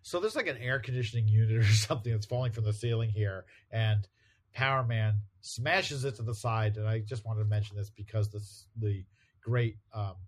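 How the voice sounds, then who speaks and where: Speaking at normal speed in a lowish voice, this podcast co-host walks through a comic book page by page in casual chat. He paraphrases the story, stays relaxed, and laughs easily and often.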